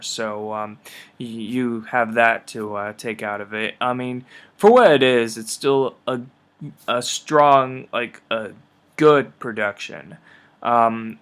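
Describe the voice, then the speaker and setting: A man giving a casual spoken album review, raspy from polluted air, halting with many ums and uhs. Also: medium pitch, a bit bright.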